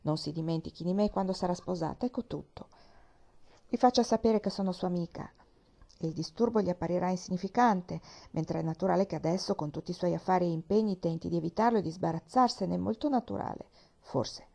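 Shrewd knowing widow, read by a woman, confiding and a bit teasing, mellow voice. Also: lowish voice, brisk, creaky. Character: Mrs Smith, shrewd older widow, knowing and sly.

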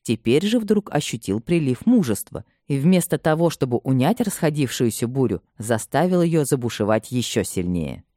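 A woman reading a novel aloud as an audiobook narrator, in an expressive, dramatic manner. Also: very deep voice, normal speed, few pauses, dry recording, clean studio sound. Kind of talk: scripted literary narration.

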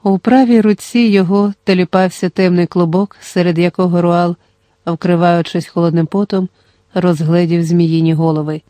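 A steady audiobook narrator reads the story in a dark, mellow tone. The delivery stays even and controlled, and the recording is dry and close with no room sound. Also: mid-range voice, normal speed, dry recording. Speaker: audiobook reader.

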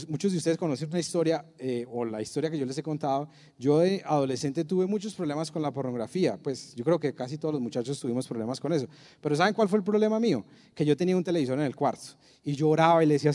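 A man gives a casual, lively sermon to a youth group, often breaking off to ask his listeners questions. His voice sits fairly high but sounds mellow and soft-edged. Long reverb trails off each phrase in a large hall. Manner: conversational, animated with rhetorical questions. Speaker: youth pastor.

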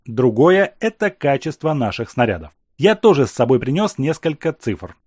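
A composed emperor, as a man reads him aloud, speaks in a measured, instructive way, steering his officers with questions. The voice sits at an ordinary middle pitch. It is recorded dry and close. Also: big pitch swings, a little mellow, slightly rough, no room sound. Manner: measured, commanding, explaining. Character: calm authoritative male emperor, questioning and instructive.

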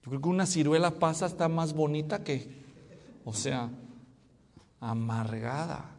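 Male pastor for a sermon, animated and playful with the congregation, pitched a little high. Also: moderate pace, big-room sound. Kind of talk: expository sermon. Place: church sanctuary.

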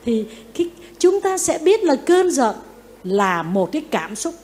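A Buddhist nun giving a lively dharma talk, often asking her listeners questions and acting out what people say. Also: high-pitched, measured pace. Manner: lively, asks the audience questions, acts out quotes. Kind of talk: sermon.

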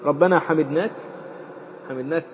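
A man's voice: a little high, slight background noise. A man teaching Islamic jurisprudence, reading from a text and explaining it, repeating phrases with many fillers. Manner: rapid, repeats and quotes phrases, frequent fillers. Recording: dull lecture recording with long reverb.

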